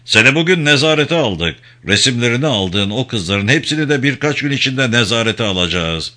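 A man's voice: medium pitch, lively intonation, normal speed, pushed and bright. A man voicing a cunning male intelligence interrogator who coaxes and threatens in a raised, persuasive voice in a story reading. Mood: coaxing, menacing. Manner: smooth persuasive pressure, raised voice.

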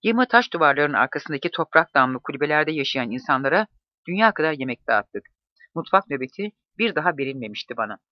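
A man narrating a first-person memoir in a measured, reflective reading. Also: on the high side, sing-song, no echo. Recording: dull, dry close-mic recording.

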